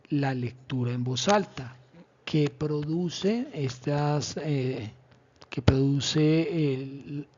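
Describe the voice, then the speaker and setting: Male teacher, slightly high pitch, measured explanatory delivery, lo-fi recording. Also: a little mellow, breathy edge. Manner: measured, explanatory, with pauses and fillers. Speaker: teacher presenting a lesson plan. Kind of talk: slide presentation. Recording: dull lo-fi recording.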